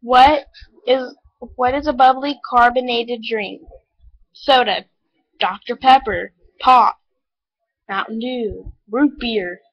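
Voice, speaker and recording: A woman with an Oklahoma accent talks casually, in a voice a little higher than most. She reads words off a list and chats between them, correcting herself now and then. The sound is the dull, muffled capture of a webcam mic. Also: slow pace, pauses often. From Oklahoma, USA. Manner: reads words aloud, self-correcting chatter. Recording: lo-fi webcam audio.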